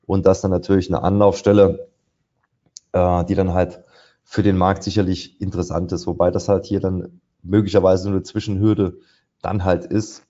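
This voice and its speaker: This trader's voice is low, even, and mellow, moving at an ordinary speed, though the high frequencies are cut off. He narrates the charts in real time during a screen-shared trading session, musing aloud with lots of filler words.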